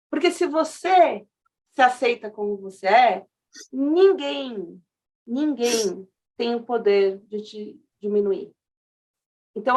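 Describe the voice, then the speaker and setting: A middle-aged woman speaking as a guest expert in a webinar, telling stories and acting out quoted dialogue. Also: a little high. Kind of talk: webinar talk.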